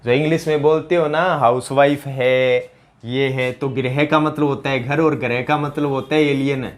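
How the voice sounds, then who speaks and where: In a Hindi spelling session for test-takers, a man speaks at normal speed with a medium pitch and an even tone. He poses one rhetorical question after another to the class, supplies the answers himself, and cracks jokes in a regional dialect along the way.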